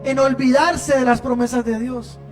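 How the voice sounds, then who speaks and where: A man preaching a sermon, impassioned, moving between loud emphasis and hushed lines. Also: very high-pitched, steady tone, normal speed, over music. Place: church service.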